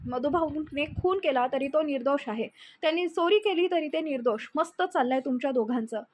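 A sarcastic young man who demands answers, read out by a woman. The voice sits high and is plainly read. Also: fairly quick, darkish tone, slight background noise, close to an everyday voice.

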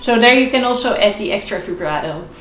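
A young violin teacher gives an informal, step-by-step lesson, repeating key points encouragingly, with violin playing between phrases. Her mid-range voice is lively and a little fast, heard over loud music in an echoey room.

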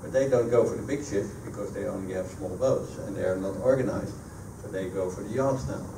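Brisk and low-voiced, a middle-aged sailor from the Netherlands takes audience questions as guest speaker at a public talk in a sailing club meeting room. He uses a handheld PA microphone, though the recording comes from a camera across the echoey room, so the sound is distant and noisy.

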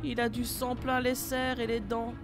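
A woman's voice: on the high side, flat delivery, moderate pace, over music, lightly acted. A woman voicing a tough female squad leader in an amateur horror audio drama, giving curt, commanding orders. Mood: stunned. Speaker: team leader.

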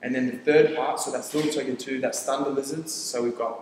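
A young startup founder who grew up in Papua New Guinea, with Tok Pisin as his first language, casually explains his company in an interview on a studio set with armchairs. He rambles, restarts phrases, and rattles off lists, in a steady, slightly mellow mid-range voice with a little hiss or hum and long echoing reverb.

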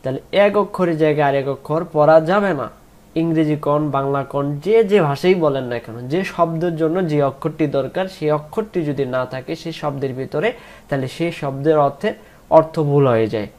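A man teaching Quran pronunciation in a slow lesson, spelling out letters one by one and drawing out the recited words. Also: fairly high pitch, darkish tone. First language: Bengali.

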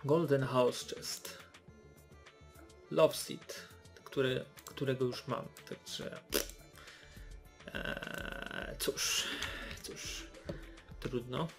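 Young guy muttering thru loot boxes, slow and gravelly, lots of umms, faint music behind. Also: mid-range voice, steady tone. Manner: hesitant, many fillers and restarts, mildly disappointed. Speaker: gaming YouTuber. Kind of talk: casual commentary while opening loot.

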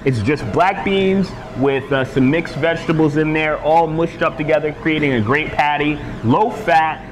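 A man's voice: on the high side, normal speed, noisy background. A young man, a fitness coach, talking energetically and promotionally to the camera at a restaurant. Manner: energetic, promotional, talks with hand gestures. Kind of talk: upbeat fitness vlog presenting. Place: outside a restaurant, then at a table indoors.

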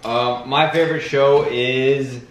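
A man's voice: medium pitch, steady tone, slow. A teenage boy chatting casually and teasing his sister during a family question session. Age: teens. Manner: teasing, joking. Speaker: son answering questions. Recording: echoey room with faint noise.

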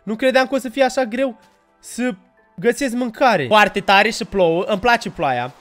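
A man's voice: sits high, faint music behind. A young man hosting a gaming video, chatting casually and jokily to viewers and yelping when startled. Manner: excitable, jokey, yelps when startled, chatty asides to viewers. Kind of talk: casual gameplay commentary.

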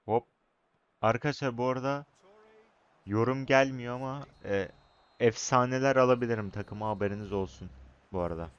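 A young man gives casual, excitable commentary over his own football video game match. His voice is smooth and mid-pitched, and it surges loud when he yells at his players. The recording sounds slightly muffled and lo-fi. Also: fairly quick, pauses often. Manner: excitable, shouts at players, chatty asides to viewers. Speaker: gaming YouTuber.

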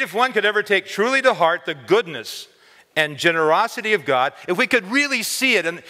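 An animated man in his sixties delivers a storytelling chapel sermon, his bright voice rising and falling over a wide range. He stammers into quick repeats as he gets excited. A long hall reverb trails behind him on a large stage. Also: fairly high pitch. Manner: animated, gesturing, repeats words when excited. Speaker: chapel speaker. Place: large dark auditorium stage.

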